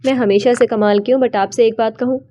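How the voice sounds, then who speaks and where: A woman's voice: a little high, fairly even intonation, mellow, no room sound, natural voice. A cheeky young bride, read by a woman. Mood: playful. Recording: dull, slightly lo-fi.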